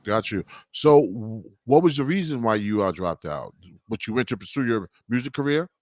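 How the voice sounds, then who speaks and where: A man's voice: lowish voice, animated, moderate pace, a little mellow, dry recording, clean studio sound. A man hosting a radio interview, talking in an enthusiastic, hyped-up way. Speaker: radio host.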